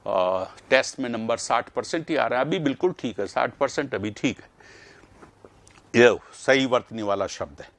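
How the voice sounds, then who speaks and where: A man's voice: medium pitch, expressive, normal speed. A man teaching a live online exam-prep class, reading out students' names and drilling pronunciation aloud.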